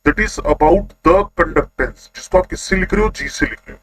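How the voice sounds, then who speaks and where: A man teaching a chemistry class online, constantly quizzing his students with quick questions. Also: on the high side, slightly rough, low-quality recording.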